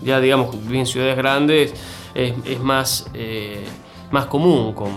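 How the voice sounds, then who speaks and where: In a conversational interview, a middle-aged man from Cuba speaks slowly in a steady, mid-range voice, with a Cuban accent mixed with Argentine. As a guest he uses many fillers and restarts, while faint music plays behind.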